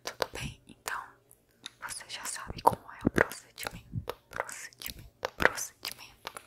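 A young Brazilian woman in a whispered role-play as an attentive ear-cleaning clinician, speaking in an intimate whisper and repeating words softly, close to the microphone. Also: rumbling low, monotone, normal speed, vocal fry. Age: young adult. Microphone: close recorder microphone.

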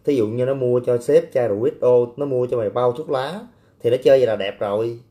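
Brash male livestream host, mellow warm tone, teasing and coarse. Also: medium pitch, quick pace. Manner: brash, teasing, coarse banter with blunt street slang. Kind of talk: casual livestream chat reading viewer comments.

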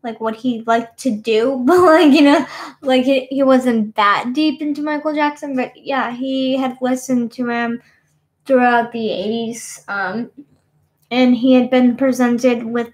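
High-pitched girl in her 20s rambling on a webcam stream in her bedroom, lots of "you know". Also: fairly even intonation, a little slow. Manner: rambling, many fillers like "you know what I mean". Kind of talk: casual webcam chat. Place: small bedroom, indoors. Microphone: webcam at desk.

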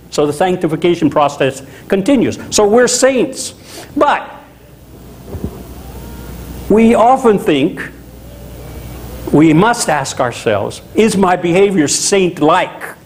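Animated pastor preaching in a chapel. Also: male voice, high-pitched, a little hiss or hum, low-quality recording. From Louisiana, USA. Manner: conversational, animated preaching with gestures and asides. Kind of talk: sermon. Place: small chapel, indoors.

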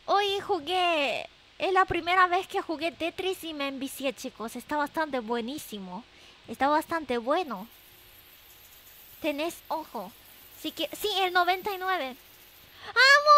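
A woman's voice: pushed and bright, slight background noise. A woman livestreamer with an anime-like voice, chatting casually and playfully with viewers, often exclaiming and repeating herself. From Japan. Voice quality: very high anime-like voice.

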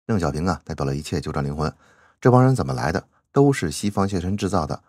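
A man's voice: sits low, very animated, quick pace, a little mellow, dry recording, clean studio sound. A man giving chatty commentary as he reads out a classic novel, drawing out his sentence-final particles. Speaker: channel host.

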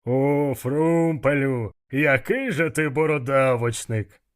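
A man's voice: on the high side, sing-song, slow, clear, resonant tone, voice pushed up. A man voicing a jovial, scheming older male gang boss who laughs a lot, in an audiobook. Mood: amused. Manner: boisterous, laughing.

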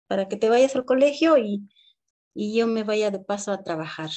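A woman playing a hurried, coaxing mother. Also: medium pitch, expressive, warm tone, lightly acted. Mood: urging. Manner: urging, coaxing. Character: busy mother waking her son.

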